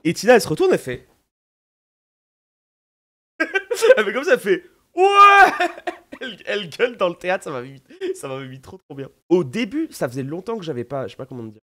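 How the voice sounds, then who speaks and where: Animated slangy French guy. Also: sits high, brisk, pauses often. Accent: France French. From France. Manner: animated, slangy, many fillers and restarts. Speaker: streamer. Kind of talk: casual recap chat to viewers.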